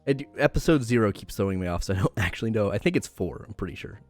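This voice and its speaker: A man's voice: on the low side, expressive, fast talker, darkish tone, faint music behind. A young man co-hosting a casual podcast chat, chatty and unsure, laughing often. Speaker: podcast co-host.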